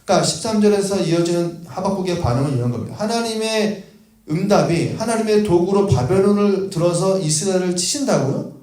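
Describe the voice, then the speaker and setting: High-voiced earnest male preacher, echoey. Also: animated, brisk, a little mellow. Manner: earnest preaching, acts out prophet's questions. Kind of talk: sermon at a prayer meeting.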